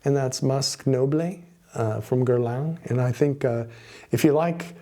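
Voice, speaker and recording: Guy rambling about perfumes, mellow warm voice, keeps restarting sentences. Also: mid-range voice, measured pace. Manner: chatty, rambling, swears under his breath at mishaps. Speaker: fragrance reviewer. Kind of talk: casual product review.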